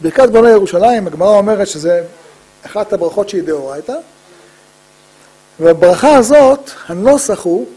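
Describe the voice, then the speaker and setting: A man teaching a religious lesson from the pulpit, his voice pitched high for a man yet mellow and soft at the edges. He has a slightly husky, unpolished tone. He poses rhetorical questions, answers them himself, and leans on repeated phrases, with frequent "uh" pauses between thoughts. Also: lively intonation, poor audio. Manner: emphatic repetition of key phrases. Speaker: rabbi giving a Torah lesson.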